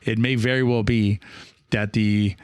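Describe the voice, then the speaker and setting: This low-voiced pickleball veteran talks casually on his solo podcast, replying to listener comments. His clear, resonant, slightly mellow voice barely shifts in pitch and he's unhurried, rambling with hesitation, reassuring listeners and often adding "right?". The sound is close and dry with no echo.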